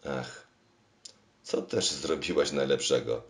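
A man's voice: a bass voice, takes it slowly. A man voicing an anxious, easily alarmed king who talks in fretful exclamations. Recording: roomy echo.

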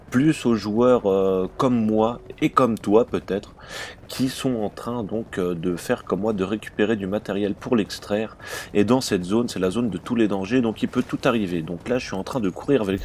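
A low-voiced man talks through a game in a relaxed let's-play commentary, chatty and informal. He hesitates often and keeps a loose, friendly flow. A faint hiss of noise sits under his gaming mic. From France. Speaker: gaming channel host.

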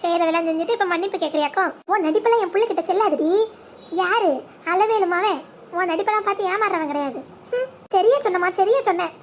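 A woman's voice: very high-pitched, quick pace, a little hiss or hum. A woman voicing a scheming cartoon mother-in-law. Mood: scornful. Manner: plotting, scolding. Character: scheming middle-aged mother-in-law, spiteful and proud.

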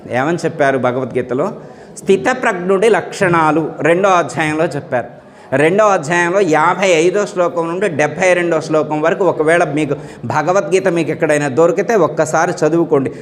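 A young man giving a devotional discourse, often putting questions to his listeners and singing verses slowly. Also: a little high. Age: young adult. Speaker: spiritual speaker. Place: gathering hall. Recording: reverberant hall.

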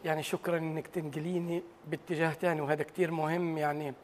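A Palestinian journalist in his forties speaks as a studio interview guest. The man has a high voice and gives a serious account, halting often as he searches for words. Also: flat delivery, slight background noise. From Gaza. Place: large TV news studio. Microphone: lapel.

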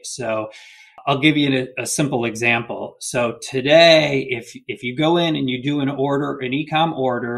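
A man speaking as a logistics executive guest in an interview, explaining steadily and often adding a questioning "right?". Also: medium pitch. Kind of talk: business interview.

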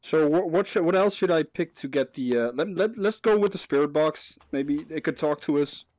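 رجل يلعب لعبة ويشتم ويضحك كثيراً. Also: male voice, a little high, normal speed, darkish tone, no room sound. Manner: swearing, laughing, jumpy. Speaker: streamer. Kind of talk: casual gaming chat with a teammate.

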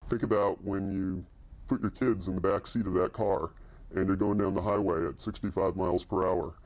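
Anonymous middle-aged male insider, voice electronically disguised and pitched down, earnest warning delivery. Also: steady tone, moderate pace, a little mellow. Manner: earnest, cautionary. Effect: electronically disguised, deepened voice. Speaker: anonymous auto industry software developer. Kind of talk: news interview.

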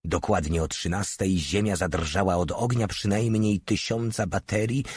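A man narrating an audiobook in a steady, measured reading. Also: low-pitched, husky, no echo. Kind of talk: scripted narration.

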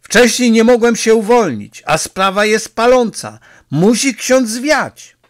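An anxious villager pressing his warning, voiced by a man in a storybook reading, his voice raised high with urgency. The pitch swings widely, yet the words come slowly. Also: animated. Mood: urgent.

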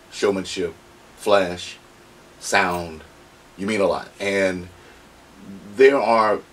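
A man hosting a radio interview, joking and emphatic in casual talk. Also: low voice. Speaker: radio host. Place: radio studio. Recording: distant mic with faint room noise.

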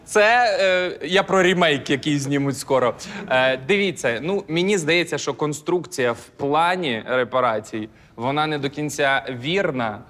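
A man's voice: fairly high pitch, a little slow, a bit bright. A man answering quiz questions casually, joking and thinking aloud. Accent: Ukrainian. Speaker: quiz contestant. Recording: studio with long reverb.

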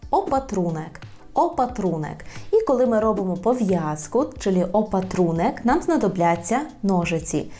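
A woman teaching a language in a video lesson, repeating words slowly and carefully. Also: mid-range voice, very animated, dark tone, faint music behind. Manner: slow, careful repetition of words.

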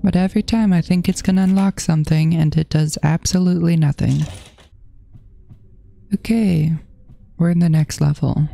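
A woman's voice: lowish voice, fairly even intonation, moderate pace, gravelly, long pauses, mellow. A woman commenting on her horror game playthrough, jittery and repeating panicked phrases to herself. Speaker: gaming channel host. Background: faint background music.

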